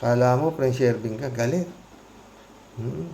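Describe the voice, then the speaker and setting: A man with a slightly high but mellow, soft-edged voice, reading viewer comments aloud and adding sarcastic, mocking asides. He laughs often and talks casually, as a host does with regulars. The recording has a roomy echo around it. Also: a little slow, slight background noise.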